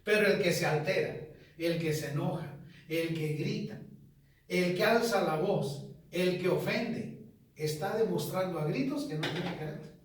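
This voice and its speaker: A man pastor teaching a sermon, measured, repeating key phrases and putting questions to the congregation. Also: sits high. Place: church hall. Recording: echoey church from far off.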